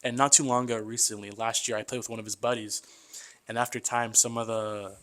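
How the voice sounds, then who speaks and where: A man's voice: medium pitch, a little fast. A man in his twenties in a casual podcast conversation as the guest, chatty and loose, often calling the host "man" and acting out voices as he tells stories. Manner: lively storyteller who acts out quoted voices.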